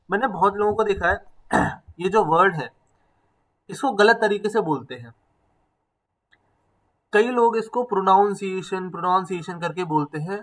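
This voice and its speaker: A man's voice: high voice, a bit bright, low-quality recording. A man teaching a class, explaining step by step and putting questions to the students. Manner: explains step by step, asks the class questions, mixes in English phrases. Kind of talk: classroom lecture.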